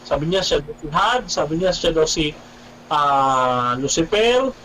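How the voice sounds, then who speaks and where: A man giving an animated personal testimony as a radio guest, often calling the host "bro" and repeating himself. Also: on the high side, measured pace, a little hiss or hum, poor audio. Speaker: guest telling his conversion story.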